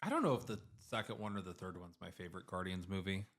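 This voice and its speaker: A man chatting casually about films, animated, with his pitch swooping as he makes his points. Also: fast. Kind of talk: casual film chat.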